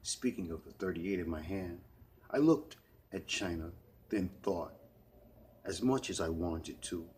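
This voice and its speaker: A man's voice: deep voice, animated, unhurried, a little mellow. A man reading a first-person story aloud with a heated, dramatic delivery. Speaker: narrator.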